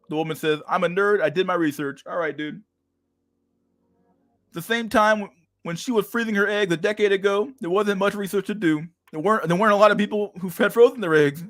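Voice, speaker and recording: A man's voice: a little high, a bit bright, no echo. A man in his thirties reading an article aloud on a stream, then breaking off into crude, mocking rants with frequent laughter. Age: 30s. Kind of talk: casual livestream commentary.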